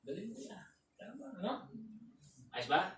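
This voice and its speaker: A Filipino man coaching a patient through exercises, counting reps aloud and shouting cheers. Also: high voice, sing-song, moderate pace. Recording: roomy, distant, faint room noise.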